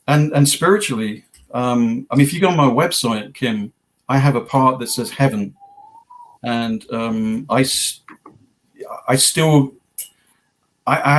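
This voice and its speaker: A man with a West Virginia Appalachian accent talks in a medium-pitched voice. He is casual and earnest, as a guest telling his own story. His phrases come haltingly and often repeat. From West Virginia, United States. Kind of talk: casual personal testimony.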